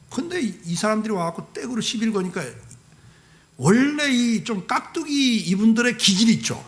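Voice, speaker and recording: Male preacher, fairly high voice with a very lively melody, storytelling sermon with acted-out dialogue and jokes. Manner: lively storytelling, acting out dialogue with humorous asides. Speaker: guest pastor. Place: church service.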